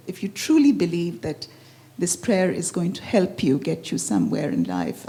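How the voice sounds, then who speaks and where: Woman, gravelly, low-pitched, earnest, halting, reflective retreat talk. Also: mellow. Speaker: retreat participant sharing.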